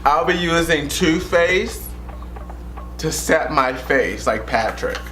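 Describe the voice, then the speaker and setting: A man's voice: on the high side, animated, slow pace. Man, giggly and tipsy, rambling, repetitive, casual playful vlog chat, background music. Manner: giggly, tipsy drunk, rambling and repeating himself. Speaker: vlogger doing a drunk makeup challenge. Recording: music playing behind the voice.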